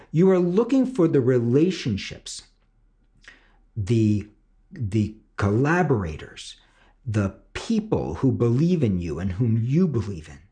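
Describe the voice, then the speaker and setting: With a warm, medium-pitched voice, this man teaches screenwriting and hosts a podcast in a motivational manner. He speaks emphatically, repeats himself for effect, and keeps checking in rhetorically.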